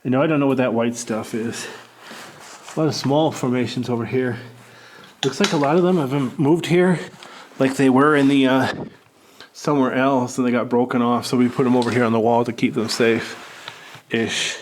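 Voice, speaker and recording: A man's voice: medium pitch, steady tone, moderate pace, long pauses, slight background noise. A man narrating a casual exploration vlog inside a cave, rambling with dry humor, his voice echoing off the rock. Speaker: cave explorer filming himself.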